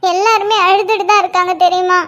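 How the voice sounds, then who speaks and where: A woman's voice: very high voice, flat delivery, brisk, fairly bright tone. A woman voicing a tearful young pregnant wife in a cartoon, pleading with her injured husband. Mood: emotional. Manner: pleading, emotional. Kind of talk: cartoon voice acting.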